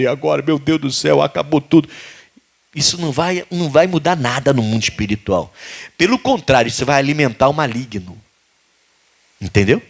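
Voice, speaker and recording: A man preaching a sermon as pastor, asking the congregation questions and acting out desperate cries. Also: a little high.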